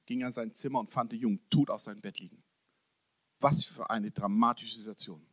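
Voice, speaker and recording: A man preaching a sermon to a congregation, asking rhetorical questions and swinging between loud emphasis and soft, close-up speech. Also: medium pitch, no echo. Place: church service hall.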